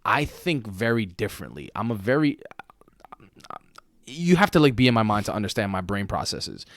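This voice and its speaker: A man in his late twenties co-hosting a podcast, chatting casually in an animated, profane, slangy way. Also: fairly low pitch, moderate pace, a little hiss or hum. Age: late 20s. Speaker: podcast co-host.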